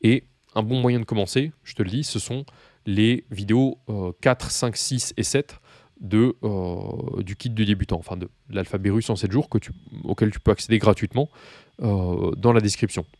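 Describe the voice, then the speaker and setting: Low-voiced man teaching. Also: moderate pace, a little mellow, no room sound. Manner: hesitant, many fillers and restarts; addresses the learner informally, patient explaining. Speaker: Russian language teacher. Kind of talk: spoken language lesson.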